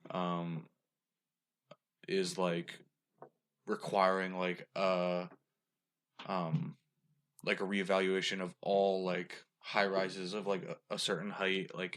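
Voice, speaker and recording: A man's voice: low-pitched, completely flat delivery, measured pace, pauses often, fairly bright tone. A young man co-hosting a podcast, rambling casually with lots of fillers. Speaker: podcast co-host. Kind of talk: casual chat.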